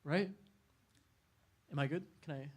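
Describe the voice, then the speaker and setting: In a big indoor hall at an Islamic center, a man gives a lively, informal talk to a youth audience and laughs frequently. His pitch is fairly high, and he takes his time.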